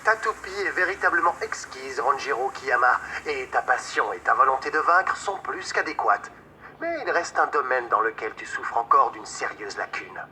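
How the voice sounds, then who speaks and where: An actor playing a mocking, ghostly villain in an anime dub, with the grandiose, taunting menace of a horror host. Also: male voice, medium pitch, animated, normal speed, sharp tone, distant mic, a little hiss or hum. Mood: smug taunting. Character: theatrical, mocking, ghostly male villain challenger. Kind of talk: French-dubbed anime acting.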